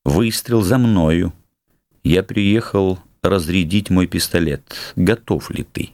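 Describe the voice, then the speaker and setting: A cold, vengeful duelist speaks slowly and with menace, voiced by a male narrator. His deep voice stays low and controlled. It is a close, dry audiobook recording. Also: darkish tone, no echo.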